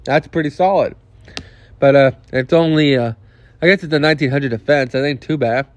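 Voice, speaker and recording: A man's voice: mid-range voice, fairly quick, dry recording. A young man casually reviewing game cards, thinking aloud with frequent restarts and the odd swear word. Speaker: card game video host. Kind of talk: casual card review commentary.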